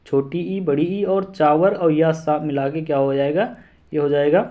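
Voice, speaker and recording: A man's voice: on the high side, fairly even intonation, normal speed, narrow, tinny audio. A man teaching an exam-prep lesson, repeating syllables and memory rhymes aloud to drill them in.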